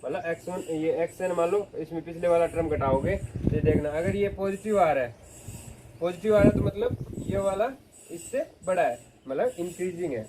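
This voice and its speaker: A man's voice: on the high side, moderate pace, background noise. A man teaching a math lecture, explaining step by step and often asking his students questions. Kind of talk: classroom lecture.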